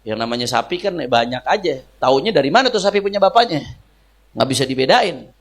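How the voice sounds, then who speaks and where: A man's voice: fairly high pitch, expressive, brisk. A male preacher, telling a religious story in an emphatic, folksy sermon, often addressing the congregation.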